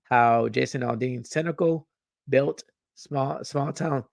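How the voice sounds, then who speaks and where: A man's voice: medium pitch, slow pace, creaky, no echo, studio quality. A young man hosting a podcast, reading news aloud and ranting about it, stumbling over words, repeating himself and swearing as he gets heated. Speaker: podcast host.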